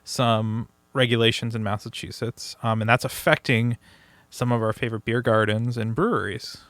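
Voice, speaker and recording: Bright, joking man co-hosting a podcast. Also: medium pitch, flat delivery, moderate pace, dry recording. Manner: joking, teasing. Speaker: podcast co-host. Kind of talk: casual podcast chat.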